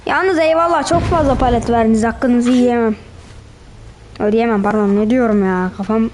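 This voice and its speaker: A woman with a high voice narrates her own match as she plays. She teases and insults the other players in a loose, trash-talking way. A faint hiss sits under the recording. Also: normal speed, a little mellow. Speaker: gamer. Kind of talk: gameplay commentary.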